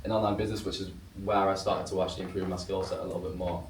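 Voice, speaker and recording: Young British man, low voice, casual storytelling on stage, roomy room, distant mic. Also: rapid-fire. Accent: British English. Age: young adult. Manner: relaxed, with many fillers and restarts. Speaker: co-founder speaking to an audience. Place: event room with an audience. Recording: roomy room, mic far off, faint noise.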